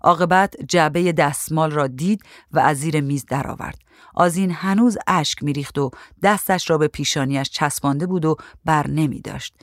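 A woman reading a story aloud in a calm, even voice. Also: low voice, no room sound, studio quality. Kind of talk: storybook narration.

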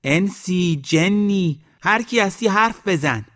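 A man voicing an old village woman who shouts high, drawn-out calls to unseen spirits. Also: expressive. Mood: shouting.

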